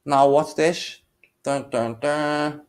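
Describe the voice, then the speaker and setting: This narrator's voice is a little high and smooth, with fairly even intonation and an extremely slow pace. He made the video and shares his screen while rambling casually, thinking aloud, and murmuring filler tunes.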